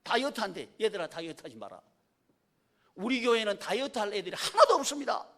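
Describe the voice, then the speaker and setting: A male pastor preaching a Sunday sermon in church. He asks rhetorical questions, prompts the congregation for amens, and swings from loud calls to hushed, near-whispered lines. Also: high-pitched, sing-song, quick pace. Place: church sanctuary.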